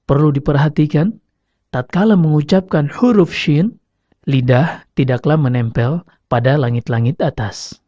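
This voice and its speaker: A man giving slow, deliberate scripted narration as a recitation teacher, demonstrating each sound himself. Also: medium pitch, mellow, no echo. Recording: dry, slightly dull lo-fi recording.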